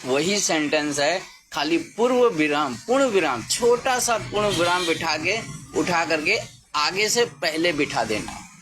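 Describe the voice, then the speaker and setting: A man delivers a sermon at a slow, deliberate pace, his voice sitting a bit high. He leans hard into key words. Music plays clearly underneath. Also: expressive. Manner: slow, emphatic, with rising exclamations. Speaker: preacher.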